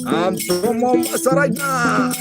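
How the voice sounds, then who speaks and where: A man with a Kenyan accent hosts a live music stream, thanking supporters effusively and repeating himself. His voice is very high-pitched and he takes his time. Loud traditional music plays behind him, with a plucked string instrument and a rattle.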